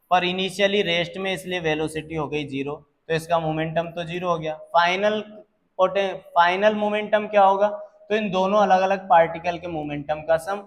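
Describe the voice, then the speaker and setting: A man tutoring physics, slowly working through exam problems and checking that students follow. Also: sits high. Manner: calls students "beta", checks understanding; slow, deliberate explaining.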